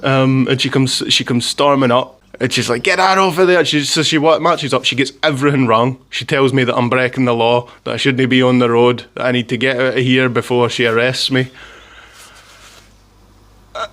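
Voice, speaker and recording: A man's voice: mid-range voice, level tone, moderate pace, a bit bright. A Scottish man telling a rambling story in a casual monologue, with frequent restarts and chuckles. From Scotland.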